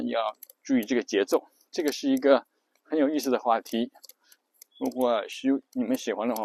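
A man hosting an English lesson podcast, explaining patiently and repeating example phrases slowly. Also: medium pitch, a little mellow, dry recording. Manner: drills English phrases aloud. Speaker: English teacher and podcast host. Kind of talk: spoken lesson on English rhythm.

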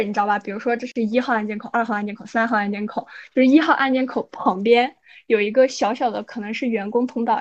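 A woman co-hosting a podcast, telling a story in a casual, animated way and often checking in with her listener. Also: on the high side, dull audio. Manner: animated, frequent "你知道吧" asides. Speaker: podcast co-host.

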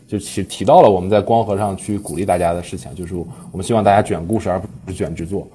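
Fast, husky low-voiced man. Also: fairly even intonation, mellow. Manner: explanatory, frequent fillers, self-corrections. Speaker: short-video platform drama operations lead, podcast guest. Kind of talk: podcast panel discussion.

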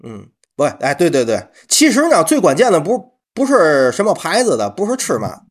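Animated Tianjin-accented man in casual chat. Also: a little high, normal speed. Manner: colloquial, mildly profane. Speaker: podcast co-host.

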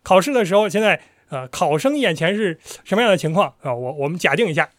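A man with a fairly high voice walks through a piece of history in a casual chat. He talks with animation and drifts into a storyteller's rhythm. The sound is close and dry. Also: fast talker, no room sound. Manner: animated, slips into storyteller cadence. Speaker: podcast host explaining history.

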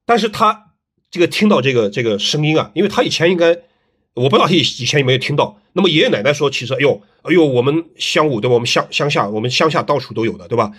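Middle aged guy chatting on a podcast, kinda husky, lots of fillers and "right?". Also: mid-range voice, fairly bright tone. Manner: thoughtful, many fillers and tag questions. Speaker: guest, landscape design teacher. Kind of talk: casual interview storytelling.

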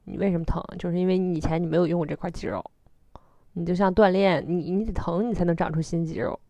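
A woman with a Northeastern Chinese accent chatting casually as a podcast co-host, telling stories in an animated, self-mocking way. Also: lowish voice, fast, no echo. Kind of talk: casual chat.

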